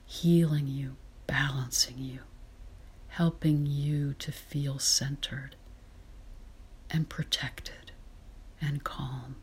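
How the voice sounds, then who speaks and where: A woman leading a guided meditation in a soft, breathy whisper, slow and soothing. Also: very deep voice, steady tone, slight background noise.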